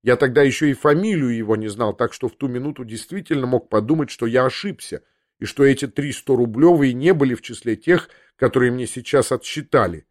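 Male audiobook narrator, mid-pitched, lively delivery, dry close sound. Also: brisk, no echo. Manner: expressive, acting out the dialogue. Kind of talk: scripted narration of a classic novel.

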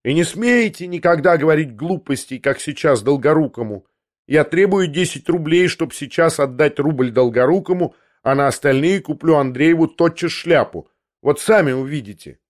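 A man's voice: on the high side, expressive, moderate pace, lightly acted. A man voicing a pampered, petulant young man who answers sulkily and flares up. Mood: indignant. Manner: sulky, then sharply indignant.

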